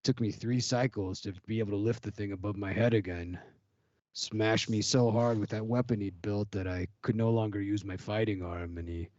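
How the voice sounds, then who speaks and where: A man voicing a grim, proud male arena fighter who speaks slowly and ominously. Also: on the low side, dry recording, pitched below the performer's own voice, close to an everyday voice. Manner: slow, ominous, halting. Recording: dull lo-fi audio.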